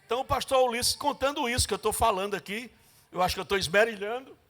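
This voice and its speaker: A man's voice: very high-pitched, quick pace. A middle-aged pastor, preaching a sermon in a church and acting out the voices of the people in his stories. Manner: animated storytelling, acting out voices. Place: church service.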